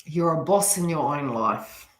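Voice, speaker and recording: Low-pitched and animated yet unhurried, this woman speaks with a faint New Zealand accent while offering spiritual guidance to live viewers as host and psychic reader. Her talk meanders with chatty asides, and the recording has a spacious echo.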